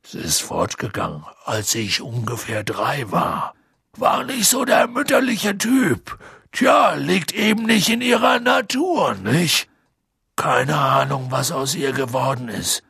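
A man voicing a huge, gruff, lonely half-giant gamekeeper with a deep husky voice and slow, halting speech. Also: very animated, pushed and bright, no echo, clean studio sound, full character voice. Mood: wistful. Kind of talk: audiobook character voice.

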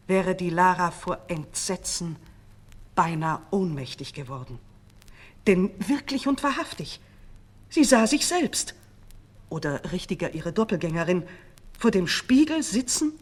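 A woman reads a fairy tale aloud with dramatic expression. Her low voice swoops widely as she narrates each turn of the story. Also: very animated, a little slow, pauses often.

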